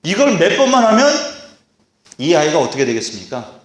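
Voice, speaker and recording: Guy preaching in a church hall, lively up and down voice, lots of echo. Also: on the high side, brisk. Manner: animated, acts out scolding parents in raised voice. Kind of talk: sermon. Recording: echoey hall.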